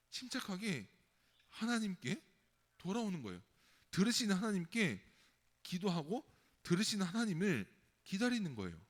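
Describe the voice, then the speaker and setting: Animated man preaching to children. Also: fairly high pitch. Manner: animated storytelling, acting out frightened crowds. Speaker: children's pastor. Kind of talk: children's sermon. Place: church sanctuary. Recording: long hall reverb.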